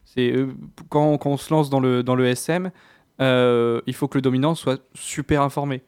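A man on a panel explaining his views casually, in halting stretches with self-corrections. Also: medium pitch, fairly even intonation, a little mellow, smooth. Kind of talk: casual discussion.

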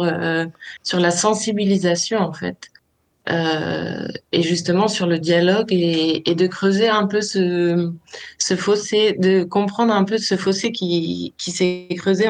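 Low-voiced woman guest, hesitant. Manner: hesitant, many fillers and restarts. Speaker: association founder, guest. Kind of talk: radio interview answer.

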